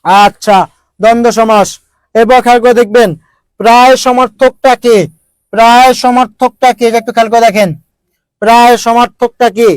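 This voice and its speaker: A man with a very high, smooth voice teaches a grammar lesson. He repeats each example and keeps asking the class questions. The sound is dry and close. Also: steady tone, normal speed, no echo. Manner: repetitive, drilling questions to students.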